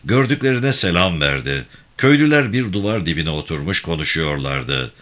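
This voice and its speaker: A male narrator reading a village tale aloud with measured, steady storytelling. His voice is very deep yet bright and forceful, and it moves through a lively pitch range.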